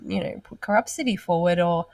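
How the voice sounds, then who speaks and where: A woman's voice: fairly low pitch, fairly quick, vocal fry, a little mellow, recorded from a distance. A woman co-hosting a casual chat, teasing her partner and laughing often. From Australia. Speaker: co-host, board game designer. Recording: dry, a bit off-mic.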